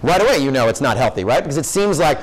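A young man, a professor, giving a conversational classroom lecture to high school students and peppering them with questions. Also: sing-song, fast, rough recording. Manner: conversational, asks the audience lots of questions. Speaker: guest speaker, professor.

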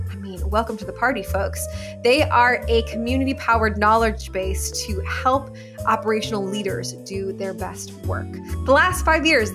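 A woman in her thirties hosts a casual podcast chat, upbeat and enthusiastic. She speaks close into a studio mic in a small room, with faint music behind her. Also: on the high side. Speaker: podcast host. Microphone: large studio mic on a boom.

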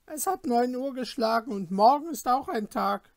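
A man's voice: extremely high pitch, lively intonation, moderate pace, dry recording, studio quality, voice pushed up. A man voicing a stern, grumpy innkeeper woman who scolds her guests in a storybook reading. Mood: scolding. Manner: curt, scolding. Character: stern grumpy middle-aged female innkeeper.

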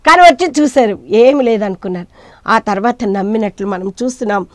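A woman preaching a sermon who rises to loud emphatic peaks and drops to soft appeals, speaking to listeners as her beloved children. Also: medium pitch, a little fast, no echo.

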